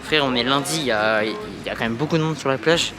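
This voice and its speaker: A young adult man chats casually in slang for a travel vlog, his mid-range voice fast with music in the background. He's mostly outdoors in a seaside city, later moving inside an apartment.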